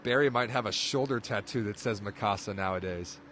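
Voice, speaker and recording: A man's voice: on the low side, fairly quick, a little hiss or hum. A man calling a volleyball match live, play-by-play, his voice jumping up on big plays. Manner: excitable, voice jumps up on big plays. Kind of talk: live sports commentary.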